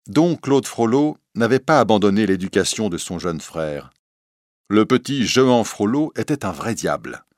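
A man reading a story aloud in scripted narration, expressive and storytelling. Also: on the low side, no room sound, studio quality.

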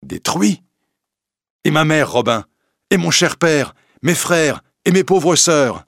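A man voicing an emotional, excitable young nobleman in a storybook reading, speaking high and breathlessly. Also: takes it slowly, creaky, no room sound, studio quality, heavily acted. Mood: anxious.

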